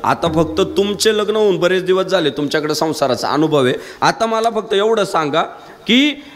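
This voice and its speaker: A man preaching a humorous kirtan sermon, telling a story and swinging his voice low and high to act out the people in it. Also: expressive, normal speed. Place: live kirtan gathering.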